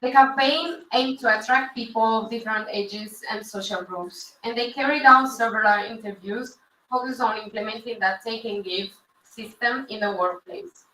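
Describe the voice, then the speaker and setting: A woman's voice: on the high side, normal speed, bright, forceful tone. A woman with as her language hosting a live-streamed awards ceremony, speaking hesitantly with repeated words. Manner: hesitant, repeats words, non-native phrasing. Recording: echoey hall from far off.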